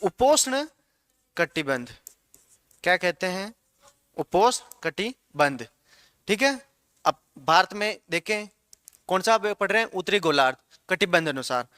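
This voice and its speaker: High, bright-voiced male teacher. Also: moderate pace, clear, resonant tone, no echo. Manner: asks the class questions and repeats answers. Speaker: geography teacher. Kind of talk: classroom lecture.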